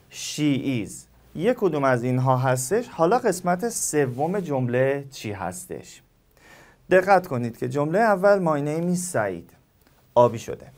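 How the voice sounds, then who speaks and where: A male English teacher, a native Persian speaker with a Persian accent, gives a recorded lesson in a fairly high voice. He explains slowly and repeats examples.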